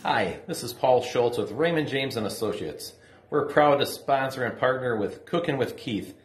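A man's voice: mid-range voice, lively intonation, moderate pace, soft background music. A middle-aged man in an office giving a short, friendly and businesslike sponsor message into a phone held at arm's length. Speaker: sponsor in an ad spot. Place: office indoors. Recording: roomy office phone recording.

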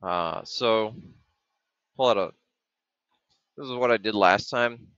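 A man's voice: lowish voice, slow pace, fairly bright tone, dry recording. A middle-aged man casually walking through a chip datasheet and circuit board, thinking aloud with frequent ums and restarts. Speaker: maker explaining a project. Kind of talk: casual screen-share walkthrough. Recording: dull, dry lo-fi webcam audio.

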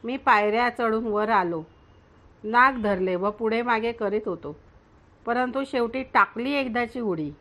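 A woman narrating a storybook reading in a gentle, measured way. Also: a little high.

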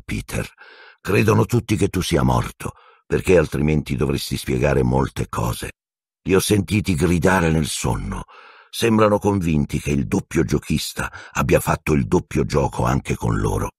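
A man's voice: extremely low pitch, darkish tone, husky, dry recording, studio quality, full character voice. A man voicing a bitter escaped prisoner wizard who speaks in a cold, growling, venomous way. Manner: cold, accusing, slow menace.

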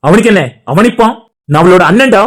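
Cartoon role: a man doing a blunt, irritable young brother, high-pitched, fast. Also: fairly bright tone. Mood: irritated. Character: protective older brother, short-tempered young man. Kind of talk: cartoon voice acting.

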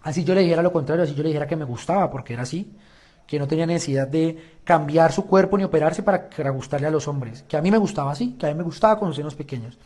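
A man's voice: on the high side, racing, darkish tone. A young man telling his side of a story in casual talk, acting out quoted dialogue. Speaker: reality show contestant. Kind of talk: casual explanation to camera.

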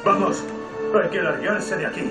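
An actor playing an urgent, wisecracking adventurer in a Spain Spanish game dub, strained as if hanging on. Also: male voice, sits high, steady tone, normal speed, far from the mic, natural voice. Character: urgent, wisecracking adventurer man under fire. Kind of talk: video game dub acting. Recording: echoey game audio off a television speaker. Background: loud action music.

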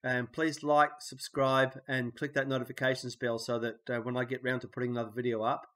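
A man's voice: medium pitch, brisk. An Australian man with a nasal voice from a cold, casually explaining a homemade trailer tool outdoors. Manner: relaxed, plain-spoken explaining. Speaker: DIY maker. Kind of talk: casual how-to narration. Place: outdoors on a dirt road. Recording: loud outdoor noise behind the voice.

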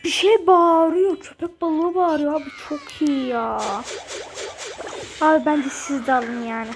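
A woman hosting a casual gameplay video, chatty and excitable, who keeps talking straight to her viewers. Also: high voice, measured pace, music in the background. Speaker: gaming video host.

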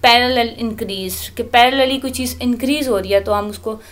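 Her voice sits on the high side as she delivers a recorded lecture in Urdu about English grammar. The English examples come out slowly, and she frequently corrects herself partway through sentences.

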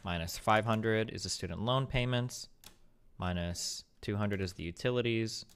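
A man's voice: lowish voice, normal speed, fairly bright tone, clear, resonant tone. A man streamer working through monthly budget figures aloud in a methodical, matter-of-fact way. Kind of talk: casual explanation while working numbers aloud.

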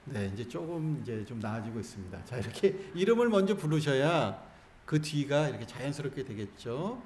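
A man's voice: mid-range voice, sing-song, moderate pace, a little mellow, slight background noise. A man, a Buddhist monk, giving a Sunday dharma talk and coaxing his listeners through call-and-response practice with jokes. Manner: playful, coaxing, jokes with the audience. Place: temple hall. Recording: roomy hall with faint ambience.

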